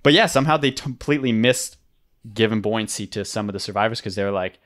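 A man's voice: lowish voice, fast talker, fairly bright tone. A young man telling a story in a casual podcast chat, rambling with lots of fillers and restarts. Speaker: podcast host.

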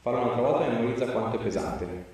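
A man in his thirties, a chiropractor, gives a patient short, reassuring instructions during treatment, his mid-range, darkish voice racing along. He's in a small indoor treatment room, and the recording sounds very roomy, with a distant mic and faint noise.

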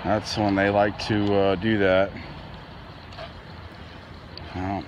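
A man's voice: fairly low pitch, level tone, very slow, muffled recording, a little hiss or hum. A man vlogging while night fishing outdoors, rambling casually about his gear and surroundings, sometimes talking to his dog. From Florida.

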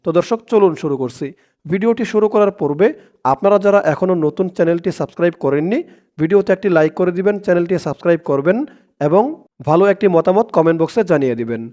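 A man with a Bangladeshi Bengali accent giving a recitation lesson, explaining briskly and then chanting each phrase slowly. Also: sits high, warm tone. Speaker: religious teacher.

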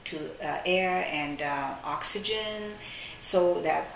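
Low gravelly-voiced woman, hesitant, in echoey office. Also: slow pace. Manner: hesitant, searching for words with many fillers. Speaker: caviar company representative. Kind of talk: interview, product explanation. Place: sunlit office at a desk. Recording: echoey room, distant mic, faint hiss.

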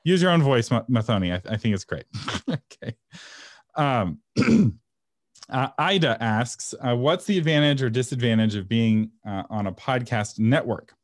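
A man's voice: medium pitch, animated, measured pace, no room sound, studio quality. A man presenting a webinar and answering audience questions in a casual, frank way, often laughing and sometimes breaking into a passionate rant. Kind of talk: casual Q&A teaching.

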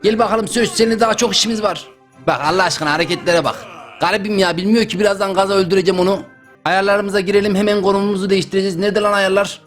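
A young man giving loud, joking, exclamatory commentary while playing a mobile game. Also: high-pitched, fairly even intonation, racing, faint music behind. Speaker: gaming YouTuber. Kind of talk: excited gameplay commentary.

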